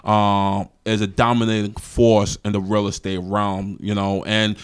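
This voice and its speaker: A man's voice: fairly low pitch, little pitch movement, a little slow, clear, resonant tone. A man in his thirties hosting a podcast, affirming his guest often and asking questions into a desk microphone in a small studio. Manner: affirming, many backchannels, asks questions. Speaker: podcast host. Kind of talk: podcast interview. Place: small studio with wood-panel wall. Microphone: desk mic on stand.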